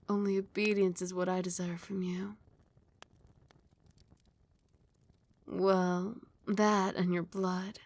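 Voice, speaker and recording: In this ASMR roleplay, a woman takes on the role of a stately vampire queen who is both possessive and tender. Her mid-range voice stays gentle and calming, frequently slipping into breathy whispers.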